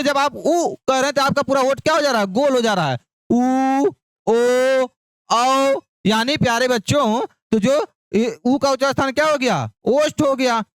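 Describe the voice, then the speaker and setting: A man's voice: extremely high pitch, a bit bright, no room sound, clean studio sound. A male teacher giving an exam-prep phonetics lesson, drilling syllables over and over in call-and-response and asking questions he answers himself. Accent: Hindi.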